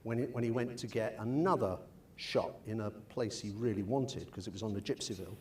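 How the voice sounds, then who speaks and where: A man's voice: on the low side, fairly quick, a little mellow, slight background noise. A man hosting an interview, chatty and joking, asking his guest about his family and upbringing. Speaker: host. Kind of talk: casual interview.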